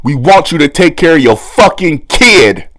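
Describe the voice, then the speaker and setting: A man hosting a commentary channel, ranting angrily with heavy swearing and bursts of shouting. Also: fairly high pitch, big pitch swings, moderate pace. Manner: furious, swearing, voice breaking into shouts. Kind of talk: angry commentary rant. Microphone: no usual setup.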